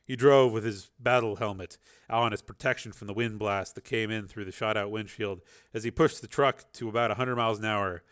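Guy reading an action novel out loud, intense, really bright punchy voice. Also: lowish voice, fairly even intonation, fairly quick, smooth. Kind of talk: dramatic audiobook-style narration.

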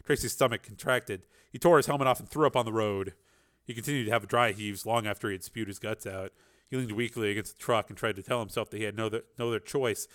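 A man's voice: lowish voice, fast talker, fairly bright tone. A man reading an action novel aloud as a dramatic, intense narrator. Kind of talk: dramatic audiobook-style narration.

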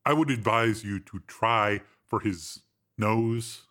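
A man reading a story aloud, voicing a formal, composed male bodyguard in a deep, measured voice. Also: fairly bright tone.

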